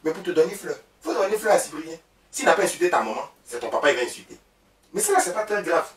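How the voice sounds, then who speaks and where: A boastful, gossiping wife, played by a man in a comic sketch, speaking with an Ivorian French accent. Her voice leaps up and down in animated swings, breaking into loud bursts. The voice sounds roomy and set back from the mic over a faint background. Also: fairly high pitch, quick pace, recorded from a distance, pitched above the performer's own voice. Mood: gossipy. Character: boastful chatty wife of Cyprien, a woman. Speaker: comedian playing a woman.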